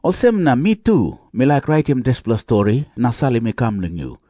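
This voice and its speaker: A man's voice: mid-range voice, wildly swooping pitch, normal speed, warm tone, dry recording, clean studio sound. A man with a Papua New Guinean accent narrating scripture as a story in Papua New Guinean Pidgin.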